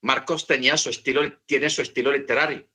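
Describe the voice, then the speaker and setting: A man's voice: mid-range voice, fairly even intonation, a little fast, sharp tone. A man teaching about the Bible in an unscripted talk, repeating his points and asking rhetorical questions.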